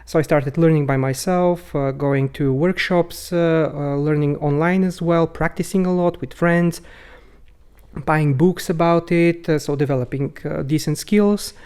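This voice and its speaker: A man from Bulgaria, speaking as a podcast guest in a hesitant, halting way with many filler sounds. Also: fairly high pitch, steady tone, a little mellow, clean tone. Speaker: podcast guest, rope bondage instructor. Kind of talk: casual conversational interview.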